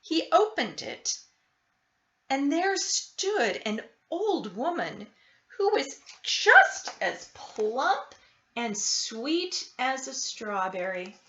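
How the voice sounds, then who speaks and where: Woman storyteller, high bright voice, expressive children's narration, slightly muffled lo-fi sound. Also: very slow. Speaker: storybook reader.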